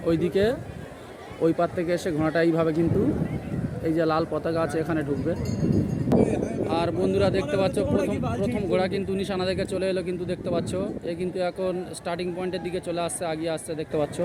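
A man's voice: high voice, flat delivery, fast. A man giving running race-caller commentary to his viewers in a repetitive way, outdoors at a field. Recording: loud outdoor crowd and vehicle noise.

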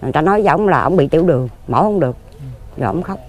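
A woman in her fifties, a lottery ticket seller with a Southern Vietnamese accent, talks very fast in a low, darkish, expressive voice. Outdoors among graves for a casual interview, she rambles on plainly and earnestly at length.

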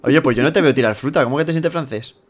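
A gamer host from Spain, with a Spanish accent and a medium-pitched voice, talks quickly in a casual let's play video. He's animated, jokes and banters with a friend, and laughs loudly.

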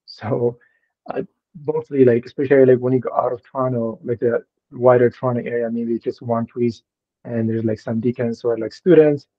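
A man's voice: mid-range voice, steady tone, normal speed. A young man speaking as an interview guest over a video call, hesitant, with many fillers and restarts. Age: young adult. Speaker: guest, deacon. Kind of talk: conversational interview. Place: small room at home. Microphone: laptop mic on a video call. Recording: dull lo-fi video-call audio.

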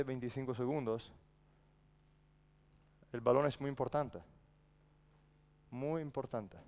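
A man's voice: medium pitch, darkish tone. Man coaching in an echoey gym. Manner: barks short commands, then explains patiently. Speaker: basketball coach. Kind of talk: coaching a practice on court. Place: large indoor gym.

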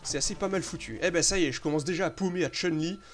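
A man with a fairly high voice commentates his own gameplay live. He swears freely, bursts out loudly and then drops to mutters. Faint game music plays behind him. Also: fast. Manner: excitable, swears often, sudden loud outbursts then mutters.

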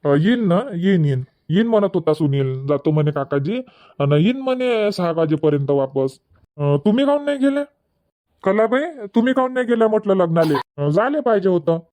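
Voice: medium pitch, lively intonation, fairly quick, dark tone, natural voice. A voice actor playing an easygoing, matter-of-fact middle-aged village farmer.

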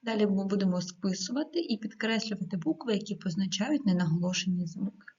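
A female teacher gives a video lesson to schoolchildren, dictating words slowly and clearly with an occasional hesitant filler. Her voice sits in the mid-range and is slightly mellow. The recording is dull and lo-fi.

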